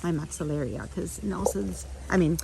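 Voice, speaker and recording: A woman's voice: on the low side, normal speed, gravelly, mellow, a little hiss or hum, poor audio. A middle-aged woman giving a chatty walk-and-talk vlog in her outdoor garden, talking to viewers with restarts and asides. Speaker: orchid grower vlogger. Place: outdoor orchid garden on a windy morning.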